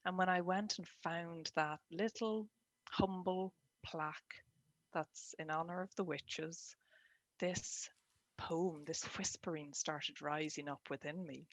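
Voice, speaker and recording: A woman's voice: deep voice, steady tone, a little slow, no echo. Lilting Irish woman storyteller, dry close sound. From Ireland. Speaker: guest, poet and storyteller. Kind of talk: reflective personal storytelling in an interview.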